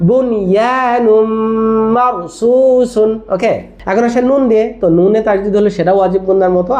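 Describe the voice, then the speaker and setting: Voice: medium pitch, darkish tone. A Quran recitation teacher giving a tajweed lesson, spelling words out letter by letter, drilling them, and often checking in with the listener. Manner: asks frequent check-in questions.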